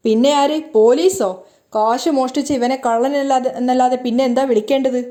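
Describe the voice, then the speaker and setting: A woman's voice: high-pitched, fairly even intonation, fairly quick, dark tone, natural voice. A woman reading the lines of a scornful middle-aged woman who accuses a boy of theft, in her own plain voice. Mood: accusing. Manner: read out plainly in the reader's own voice.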